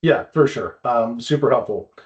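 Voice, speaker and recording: A man hosts a casual talk explaining tips, keeping it conversational and often checking in with rhetorical questions. His voice is medium-pitched at normal speed, and the audio sounds dull and band-limited.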